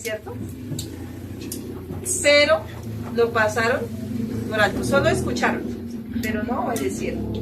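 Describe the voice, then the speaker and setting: A woman teaching a Bible study, reading verses and then explaining them, and she often stops to ask her group questions. Her voice sits fairly high. She is recorded from across the room, with faint background noise. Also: far from the mic.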